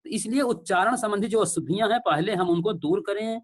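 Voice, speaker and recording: Male lecturer on an online call, high voice, patient and repetitive, checks that students can hear. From India. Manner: explains slowly with repeated examples. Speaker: teacher. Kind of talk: online class lecture on pronunciation.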